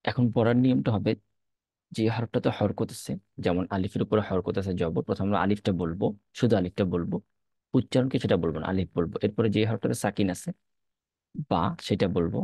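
Man, teacher, mellow dark tone, slow patient repetition. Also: fairly low pitch, creaky, husky, no room sound. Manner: patient, repeats letter drills slowly. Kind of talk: step-by-step lesson on reading Arabic letters.

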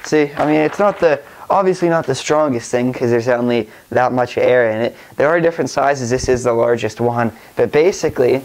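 A man's voice: medium pitch, moderate pace, few pauses, darkish tone, low-quality recording. A young man with a stuffy nose from a cold, rambling casually through a tech vlog with lots of fillers and restarts. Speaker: tech vlogger.

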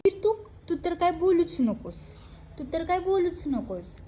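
High-pitched woman cooing baby talk. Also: very animated, unhurried, warm tone. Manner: sing-song cooing, repeats questions. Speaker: mother talking to her babies.

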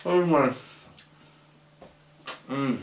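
A young man talking with his mouth full, mumbling a halting, rambling monologue muffled by food as he chews. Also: medium pitch. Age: young adult. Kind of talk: halting, rambling monologue to camera while eating. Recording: echoey room, distant microphone.

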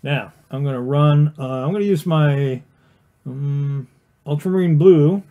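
With a voice on the high side coming through narrow, tinny audio, a man speaks unhurriedly while teaching watercolor on a casual stream. He works at an indoor desk beneath an overhead camera, chatting in a plain, encouraging manner with many fillers and restarts.

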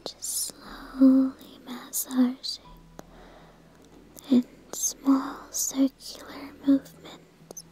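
A woman in a whispered role-play as a spa therapist, soothing and gently guiding the listener in an unhurried way. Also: high voice, monotone.

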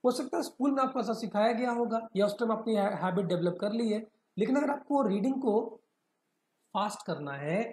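A man teaching a lesson. He reads lines slowly, then explains them and keeps checking in with his students. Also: high-pitched, lively intonation, darkish tone. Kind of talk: screen-share lesson explaining a text. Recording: echoey room.

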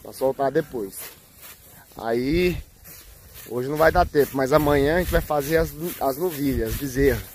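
A man vlogging on a cattle farm, talking casually to viewers and breaking off to yell loud herding calls at the cows. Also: mid-range voice, normal speed, slight background noise. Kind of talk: casual farm vlog narration. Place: outdoors on a cattle farm, by the corrals.

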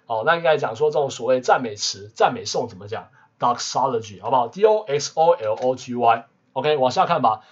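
A man teaching English vocabulary in a casual lesson, constantly adding quick tag questions. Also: medium pitch, lively intonation, husky. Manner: peppers talk with tag questions. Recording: muffled lo-fi recording.

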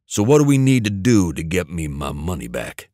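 A male narrator voicing a cool, menacing male ex-soldier who speaks slowly and evenly. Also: dry recording, clean studio sound. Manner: low, slow, calm, menacing.

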